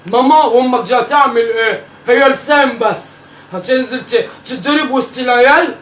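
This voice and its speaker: A performer plays a teasing, bossy old Egyptian grandmother in a comic family sketch, scolding her grandchildren and repeating herself in Egyptian Arabic. The voice is medium-pitched, brisk, a bit bright, and lightly acted, heard from far off with roomy echo and faint noise.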